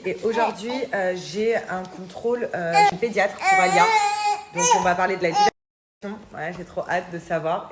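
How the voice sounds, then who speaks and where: A woman's voice: on the low side, reverberant. A young woman chatting casually through a vlog as a mother, with many fillers and coos to her baby. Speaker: vlogger and mother. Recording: noisy background ambience.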